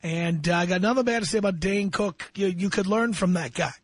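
A man hosts a call-in radio show and hands out blunt career advice in an emphatic, lecturing way. His voice sits high for a man and has a husky edge. The sound is close and dry, with no room around it. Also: brisk, no room sound. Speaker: radio talk show host.

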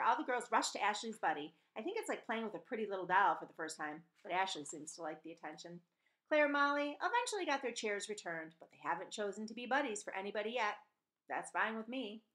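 Here a middle-aged storyteller of medium pitch and fairly bright tone reads a children's novel aloud, shifting her voice to play the characters' lines. Her webcam or laptop mic, at desk distance, captures her in a small room at home.

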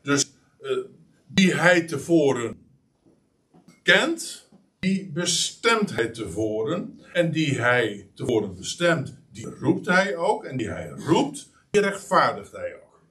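A man preaching a sermon, emphatic and animated, with frequent pauses and restarts. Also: a little high, recorded from a distance. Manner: lively, emphatic preaching with many hesitations. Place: church meeting hall.

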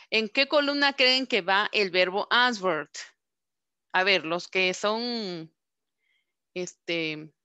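In an online class, a woman teacher patiently and slowly repeats each English verb for pronunciation practice. Her medium-pitched voice is bright and clear, recorded dry and close with no echo.

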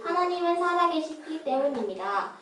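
A woman's voice: high-pitched, animated, moderate pace, a bit bright. A woman playing a humble, sickly, pious beggar in a children's puppet play, pleading earnestly. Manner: pleading, meek, earnest, declamatory. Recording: roomy, distant miking with background hiss.

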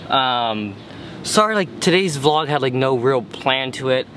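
A man's voice: medium pitch, lively intonation, unhurried, fairly bright tone. Male vlogger, 20s, casual filler-heavy ramble to handheld camera, light background noise. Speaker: vlogger and music producer. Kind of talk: casual vlog talk to camera. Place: outdoors in an apartment parking lot, then a small home music studio. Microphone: handheld vlog camera close to the face.

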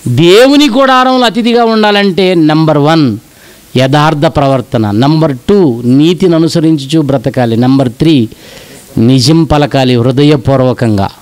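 A man's voice: a little high, a little slow. A man preaching a sermon, rising in emphasis and acting out quoted dialogue. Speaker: pastor.

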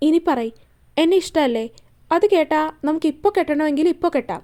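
A woman reading a story aloud, voicing a young man who is a tender, teasing lover and speaks softly. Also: sits high, fairly quick, lightly acted. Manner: softly pleading and playful.

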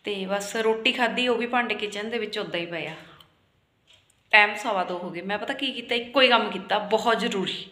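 Bright-voiced chatty Punjabi woman vlogger. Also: mid-range voice, fairly quick, echoey room. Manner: chatty, teasing, laughs often. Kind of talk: casual home vlog chat.

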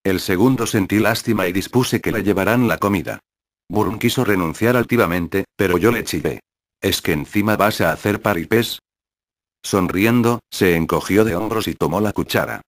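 A man narrating a first-person memoir as an audiobook, reading in a measured, steady way. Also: low-pitched, no echo, clean studio sound.

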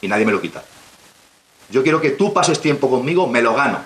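A man's voice: medium pitch, animated, brisk, a bit bright. A man giving a talk to young listeners, telling a survival story and asking rhetorical questions. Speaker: guest speaker. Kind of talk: motivational talk to young audience. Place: local hall with audience. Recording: roomy hall, faint background hiss.

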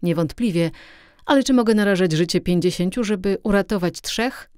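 A woman's voice: mid-range voice, fairly quick, a little mellow, clear, resonant tone, no room sound, clean studio sound, lightly acted. A woman doing a stern army captain. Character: stern fort commander, adult man, dutiful.

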